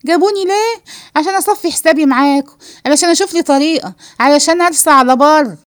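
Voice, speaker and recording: A woman voicing a brash, defiant young woman with an Egyptian accent, shouting and sharp-tongued in a read-aloud play. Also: sits high, animated, quick pace, no room sound, clean studio sound. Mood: scolding.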